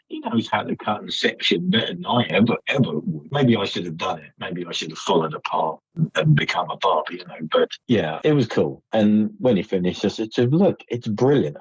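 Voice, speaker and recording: A deep-voiced northern English man tells stories on a casual podcast call, jumping into quoted voices and laughing along the way. His tone is dark and husky, and the sound is dry and close. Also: no room sound, low-quality recording. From England. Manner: chatty storyteller, acts out quoted voices, laughs often. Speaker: podcast guest. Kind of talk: casual chat.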